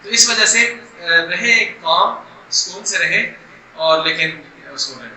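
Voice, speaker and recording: Man, high voice, very bright, recitation teacher, echoey room, distant mic. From Pakistan. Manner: stretches sounds slowly to demonstrate, then explains. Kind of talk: recitation lesson.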